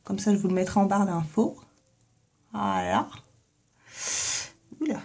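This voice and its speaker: Young woman, casual tutorial chat, soft mellow voice, lots of fillers, phone headset mic. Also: mid-range voice, lively intonation, measured pace, vocal fry. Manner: chatty, many fillers and "en fait". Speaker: beauty vlogger. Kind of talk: casual hair and makeup tutorial. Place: her bathroom.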